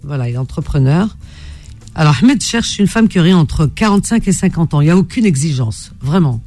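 A woman's voice: deep voice, animated, brisk, mellow, soft background music. A woman hosting a call-in radio show in a chatty, informal way, often repeating herself.

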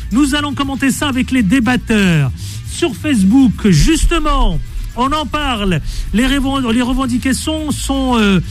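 A man hosting a radio show, chatty and teasing, with playful asides. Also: very high voice. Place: radio studio.

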